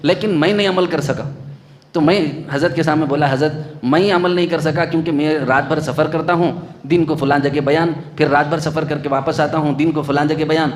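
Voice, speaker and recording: High-voiced male preacher with rhythmic phrasing. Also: fairly even intonation, a little hiss or hum. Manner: rhythmic repeated phrases, recites Arabic supplications, chuckles often. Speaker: Islamic preacher. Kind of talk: Urdu sermon.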